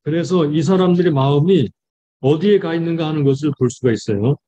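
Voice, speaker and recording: A man, a pastor, giving a Bible study lecture, reading verses slowly and explaining them with frequent fillers. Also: a little high, mellow, dull audio.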